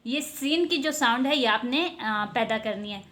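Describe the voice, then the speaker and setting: High-voiced woman teaching slow tajweed lessons. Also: fairly bright tone, slight background noise. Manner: explains patiently, models slow drawn-out letter sounds. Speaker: Quran recitation teacher.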